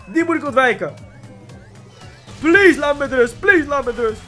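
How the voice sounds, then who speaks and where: High, lively young man gaming. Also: moderate pace, soft background music. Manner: excitable, exclaims often, mixes in English slang. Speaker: gaming youtuber. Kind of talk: excited gameplay commentary.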